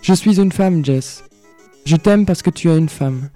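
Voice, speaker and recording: A man's voice: on the high side, measured pace, dark tone, soft background music, lightly acted. A man reading as an insistent woman lover. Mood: pleading.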